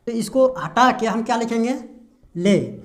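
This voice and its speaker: A man teaching English pronunciation, explaining a lesson slowly with frequent hesitations and repetition. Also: sits high. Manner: hesitant, many drawn-out filler sounds, repeats himself.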